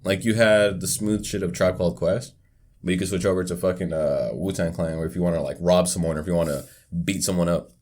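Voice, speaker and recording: A man's voice: low-pitched, fairly even intonation, quick pace, a little mellow. A young man co-hosting a podcast in casual chat, laid-back, opinionated and swearing freely. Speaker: podcast co-host.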